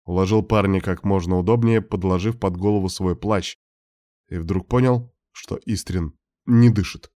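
Low-voiced guy reading an audiobook, steady pace, dry close mic. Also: moderate pace, no echo. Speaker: audiobook narrator. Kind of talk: scripted narration.

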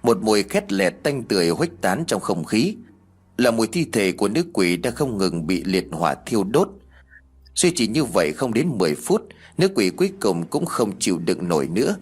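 Husky male horror story narrator. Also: lowish voice, normal speed. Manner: dramatic, expressive storytelling.

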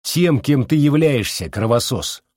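A man's voice: mid-range voice, animated, unhurried, darkish tone, no room sound, studio quality, voice pushed up. A man voicing a blunt, accusing male officer in an audiobook. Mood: angry.

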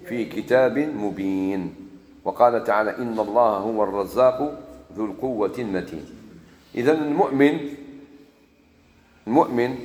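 Man, Algerian accent, sermon, solemn quotes then lively dialect explanations, long hall reverb. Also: on the low side. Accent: Algerian Arabic. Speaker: preacher. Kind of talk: sermon mixing classical Arabic and dialect.

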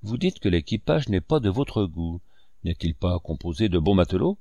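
A man reading an audiobook, voicing a calm, lightly ironic male doctor. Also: low voice, moderate pace, no echo, dull audio, exaggerated voice. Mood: measured.

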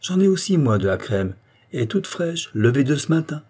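A man's voice: mid-range voice, fairly quick, dark tone, breathy edge, natural voice. A man voicing a hearty, good-natured young countryman with a teasing charm in an audiobook. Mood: jovial. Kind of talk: audiobook character reading.

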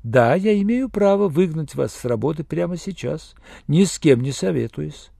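A woman's voice: deep voice, animated, normal speed, vocal fry, mellow, slightly rough, dry recording, clean studio sound, full character voice. A man voicing a cold, commanding young woman who speaks in a colorless, icy tone, read for an audiobook.

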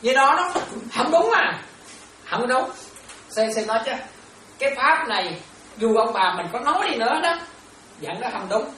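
A woman's voice: a little high, sing-song, normal speed, pauses often, fairly bright tone, slight background noise. A woman, a Buddhist nun, teaching lay followers in a dharma talk and often checking whether they follow. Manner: questioning listeners often, repetitive. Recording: echoey room, distant mic.

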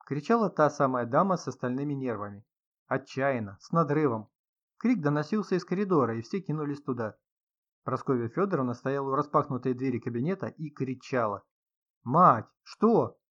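A man reading a detective story aloud in a steady, measured, dramatic narration. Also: medium pitch. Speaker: audiobook narrator. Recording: slightly dull lo-fi sound.

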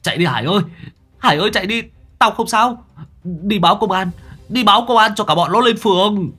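A man playing a foul-mouthed young guy in an audio story, yelling high and fast, scratchy husky edge, panicky and loud, with a little music playing behind. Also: lively intonation. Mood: frantic. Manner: shrill, fast, crude shouting.

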